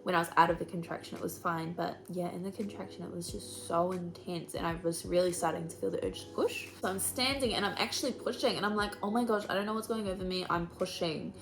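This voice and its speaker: Chatty young woman with a low voice. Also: quick pace, hardly any pauses, background noise. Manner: chatty and animated, laughs often, acts out quotes. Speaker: vlogger telling her birth story. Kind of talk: casual storytelling vlog.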